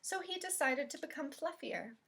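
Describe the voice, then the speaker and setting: This woman, a library storyteller, reads a picture book to young kids in a high voice with some vocal fry. She reads expressively and pauses to put questions to the children.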